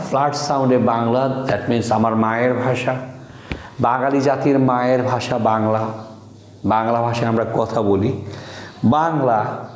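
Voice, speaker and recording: A man from Bangladesh teaching an online language lesson, repeating words slowly and deliberately to show how they sound. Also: mid-range voice, reverberant, a little hiss or hum.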